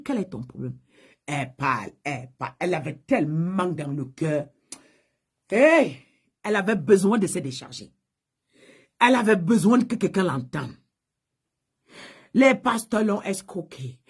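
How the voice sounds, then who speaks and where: Husky, animated woman preaching. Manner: animated storytelling, swinging from loud high exclamations to low hushed asides. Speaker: pastor. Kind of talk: sermon with testimony.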